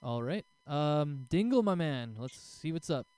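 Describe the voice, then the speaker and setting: Mellow, smooth-voiced man running a game. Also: fairly high pitch, lively intonation, unhurried, no room sound. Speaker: game master. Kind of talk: casual tabletop game narration.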